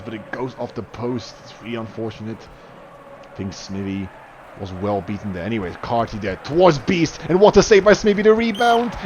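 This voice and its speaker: With a lowish voice, a young man gives chatty commentary on a live online match, rising sharply at every goal and save and leaning on fillers and restarts. The audio is muffled and has background noise.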